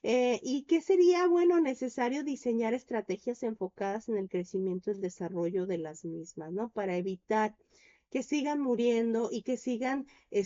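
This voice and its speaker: Woman teaching online, mellow voice, lots of "eh" and "¿no?", kinda muffled lo-fi audio. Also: on the high side. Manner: explanatory, frequent "¿no?" tag questions and "eh" fillers. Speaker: university lecturer. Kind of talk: online class lecture. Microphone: computer or headset mic on a video call.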